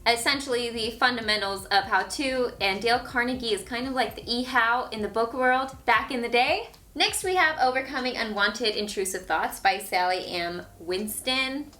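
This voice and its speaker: A woman's voice: a little high, moderate pace, hardly any pauses, pushed and bright. A young woman vlogger talking casually to camera about books she has read, often saying "like". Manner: chatty, frequent "like" fillers.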